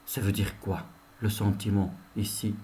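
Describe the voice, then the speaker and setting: A man's voice: on the low side, flat delivery, measured pace, mellow. A male teacher giving a recorded lesson, repeating each sentence and explaining it to his pupils, whom he addresses directly.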